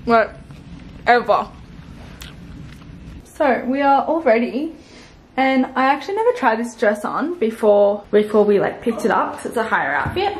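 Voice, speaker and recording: A woman's voice: a little high, expressive, moderate pace, long pauses, reverberant, a little hiss or hum, poor audio. A young woman, telling stories in a chatty, giggly vlog style with lots of "like". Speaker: vlogger. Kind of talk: casual vlog chat.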